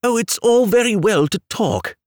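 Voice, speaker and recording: A man playing a timid young male mole from a storybook, raised high and full of eager wonder. His voice climbs and falls widely, with a touch of gravel and a dry, close sound. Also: huge pitch swings, moderate pace, dry recording, exaggerated voice. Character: shy, wide-eyed young male mole. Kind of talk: storybook reading.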